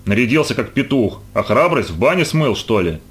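A man voicing a stern, scornful female hospital orderly in a storybook reading, with a gruff, mocking delivery. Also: mid-range voice, sing-song, brisk, close to an everyday voice.

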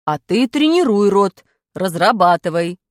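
A woman's voice: mid-range voice, big pitch swings, unhurried, no room sound, studio quality, pitched below the performer's own voice. A woman voicing a stern, bossy female school singing teacher who barks orders in a children's story. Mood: scolding. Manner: strict, barking orders. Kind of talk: storybook character voice.

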